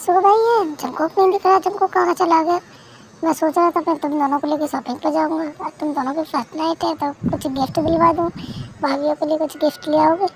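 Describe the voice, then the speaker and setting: A woman's voice: high-pitched, fairly even intonation, a little fast, a little hiss or hum, poor audio. A woman doing a puzzled young brother. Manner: puzzled, questioning. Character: worried young man, eldest brother.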